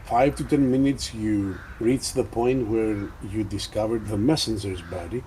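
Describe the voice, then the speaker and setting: A man narrating a tabletop role-playing game as game master, measured and descriptive. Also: fairly low pitch, warm tone, a little hiss or hum, low-quality recording.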